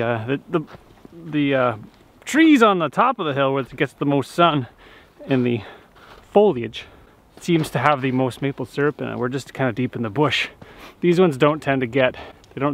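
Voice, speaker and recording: A man in his thirties films himself in a snowy forest with the camera held at arm's length, talking in a relaxed, rambling way full of fillers. His voice has a gravelly, fry-edged texture. A faint hiss sits under the recording. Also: mid-range voice. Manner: relaxed, chatty, many fillers and restarts. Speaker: homesteading vlogger. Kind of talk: casual vlog narration. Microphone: handheld camera held at arm's length.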